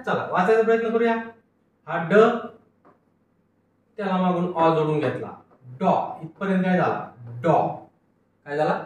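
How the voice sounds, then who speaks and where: A man's voice: a little high, a little hiss or hum. A man teaching English word reading, patiently asking questions and answering them himself in call-and-repeat drills. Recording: very echoey room, mic at a distance.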